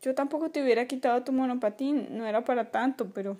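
A woman voicing a gentle, worried toy mother who speaks softly and soothingly in a toy play video. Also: on the high side, fast talker, close to an everyday voice. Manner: soft, soothing, apologetic.

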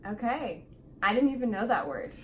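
A woman hosting a casual chat, upbeat and quick to agree, with lots of fillers. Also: fairly high pitch, big pitch swings, a little hiss or hum. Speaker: host.

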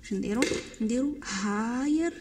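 A woman with an Algerian Arabic accent, an English teacher explaining a grammar lesson. She switches between dialect Arabic and slow, drawn-out English example words. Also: on the high side, very noisy.

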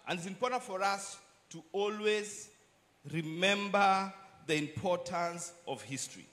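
A man preaching to a church congregation, his voice sitting notably high for a man. He delivers the sermon in short, measured phrases and stops after each one to leave room for an interpreter. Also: lively intonation, a bit bright.

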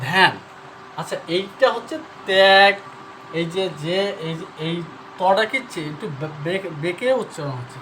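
A Bengali grammar teacher gives a pronunciation lesson, spelling words letter by letter and posing questions to the viewer that he then answers step by step. His voice is high-pitched and a bit bright, and the audio is poor with slight background noise.

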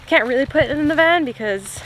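A woman's voice: sits high, animated, brisk, background noise. A young woman talking casually to the camera in a vlog, upbeat and chatty, outdoors by a wooded harbour. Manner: chatty and upbeat, with many fillers. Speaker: vlogger.

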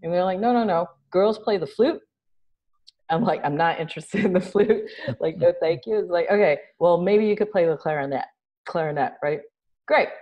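Speaking from an indoor room at home via webcam, this New York City social entrepreneur chats as a guest in a relaxed interview. Her voice is low and her pace normal, the audio dull, and she's a lively storyteller who laughs and gestures often.

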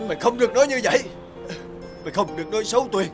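A man's voice: high-pitched, lively intonation, very fast, over music. An actor playing a heartbroken young man, drunk and slurring. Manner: slurred, mumbling drunk talk.

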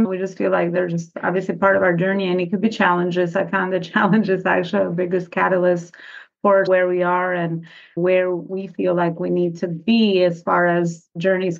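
A woman's voice: on the low side, creaky, lo-fi sound. A middle-aged woman from Albania, a business coach, telling her story as a podcast guest in a reflective, rambling way. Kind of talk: podcast interview.

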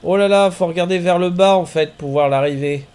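A man streaming a marbles race game, commenting in a chatty way with bursts of excited exclamations. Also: high-pitched, fairly quick, clear, resonant tone.

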